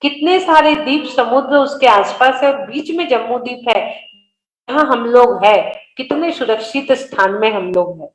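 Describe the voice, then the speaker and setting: Female teacher, patient and corrective, higher-pitched voice, roomy echo, online class. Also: moderate pace. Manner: patient, corrects pronunciation word by word. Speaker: religious study class teacher. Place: online video meeting.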